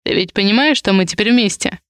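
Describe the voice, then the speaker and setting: A woman voicing a big, possessive young man who talks slowly in clipped lines, holding back a growl. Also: medium pitch, fairly bright tone, clean tone, dry recording, clean studio sound, lightly acted. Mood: tender.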